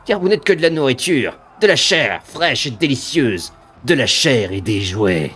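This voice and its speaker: A man voicing a ravenous demon from a video game, a haughty dark lord who taunts with drawn-out, mocking menace. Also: mid-range voice, very animated, pitched above the performer's own voice. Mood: menacing, commanding. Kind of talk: dramatic video game villain read aloud.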